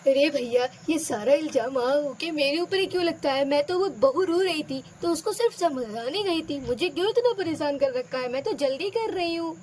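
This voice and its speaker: A woman's voice: high voice, lively intonation, a little mellow, a little hiss or hum. A woman voicing a complaining groom's mother in a home doll-play skit, whining and aggrieved about being blamed. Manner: whining, aggrieved, quick to take offence.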